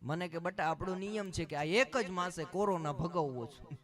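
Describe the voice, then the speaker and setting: A man's voice: sits high, normal speed, a crowd in the background. A man telling comic stories as a stand-up comedian, switching into quoted voices. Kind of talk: stand-up storytelling.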